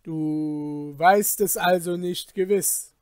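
A man's voice: on the high side, dry recording, clean studio sound. A man doing a stern, commanding caliph. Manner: measured and authoritative.

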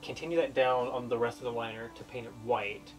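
A man's voice: mid-range voice, fairly even intonation, brisk. A young man hosting a casual boat tour, explaining refit plans with dry jokes. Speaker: boat-owning video host. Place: small wooden boat cabin, indoors. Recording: voice a bit distant, music behind.

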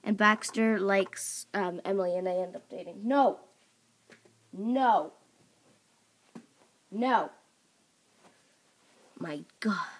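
Sitting at a table of toys in a room at home, a young woman video creator casually introduces her characters. Her medium-pitched voice is slow and pauses often. She rambles with lots of fillers and scolds her dog off-mic.

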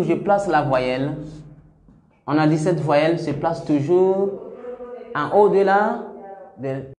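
A man teaching Arabic letters step by step, slowly repeating each sound for learners to copy. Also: on the high side, mellow, reverberant. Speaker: Quran teacher.

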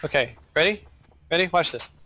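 A man's voice: on the high side, animated, moderate pace, pushed and bright, a little hiss or hum. A man in casual gaming chat, ranting animatedly and swearing while explaining changes to his class.

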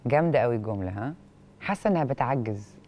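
An Egyptian-accented woman presenting a television show reads a letter and questions it expressively as she comments, captured by a lapel mic in the studio. Her voice is rumbling and low, and she speaks very fast.

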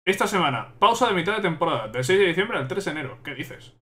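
A young man commentates live on his football management game. He gets exasperated and repeats the same questions over and over. His voice is bright and tense and sits a little high. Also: lively intonation, fast. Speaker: gaming YouTuber.

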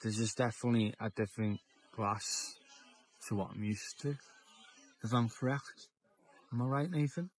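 This is casual vlog talk from a young man walking outdoors through town streets at dusk, phone in hand. He's talkative and a bit tipsy, circling back to the same points. His voice is mid-range and moves at a normal speed, broken by long pauses.

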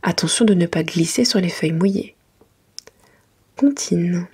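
A woman narrates a children's bedtime book in a very breathy, mostly whispered ASMR voice. Her pitch sits a little low. She reads gently and carefully, as if to young children. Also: measured pace. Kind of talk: soft whispered ASMR bedtime story reading.

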